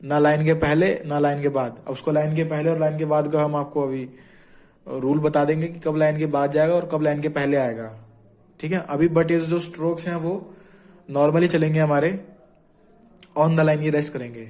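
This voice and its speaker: A man's voice: a little high, fairly even intonation, moderate pace, darkish tone, low-quality recording. A young man teaching shorthand in Hindi, patiently explaining strokes, repeating sounds and quizzing the viewer. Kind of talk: informal classroom-style tutorial.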